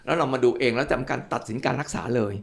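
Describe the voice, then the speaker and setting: A man's voice: mid-range voice, racing, creaky. An older male physician from Thailand, a guest in an interview, explaining with worked examples and politely addressing the listeners.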